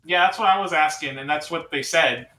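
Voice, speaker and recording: A player chatting casually at a tabletop game, excitable and quick to laugh. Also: mid-range voice, a little hiss or hum. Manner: excitable, lively, laughs often. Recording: echoey room.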